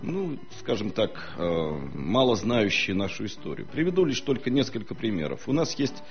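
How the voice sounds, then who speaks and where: A low-voiced man speaks like a historian guest on a talk show, lecturing in a measured way and often pausing in hesitation, yet he's very animated. The studio discussion sounds muffled and lo-fi, with faint music playing underneath.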